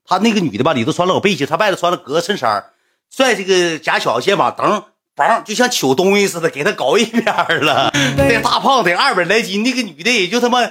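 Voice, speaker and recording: A man's voice: high-pitched, lively intonation, fast talker, sharp tone, husky. A young man with a Northeastern Mandarin accent, telling a casual anecdote in a blunt, colloquial way. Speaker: storyteller.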